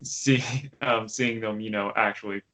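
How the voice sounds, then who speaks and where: A man's voice: on the low side, fairly even intonation, unhurried, sharp tone, poor audio. A young man co-hosting a podcast, chatting casually about a TV show with lots of fillers and restarts. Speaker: podcast co-host. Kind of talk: casual chat.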